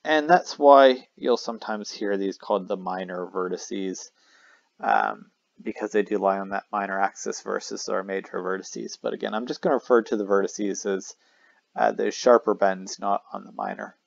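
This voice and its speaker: Male math teacher, casual whiteboard explainer, gravelly voice, dry lo-fi mic. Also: lowish voice, lively intonation, normal speed, no room sound. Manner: casual, self-correcting explanation with fillers. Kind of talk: recorded math lesson at a whiteboard. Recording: dry, slightly dull lo-fi mic.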